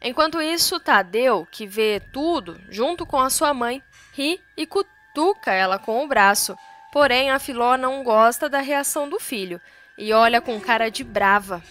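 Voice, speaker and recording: A woman's voice: a little high, expressive, normal speed, fairly bright tone. Woman narrating a soap-opera recap. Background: faint music.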